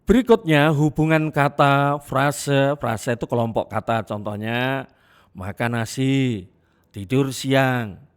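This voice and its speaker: A middle-aged man giving a classroom lecture, deliberate and repetitive, stressing examples with pauses. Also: mid-range voice, smooth. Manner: slow, deliberate, repeats examples and emphasizes with pauses.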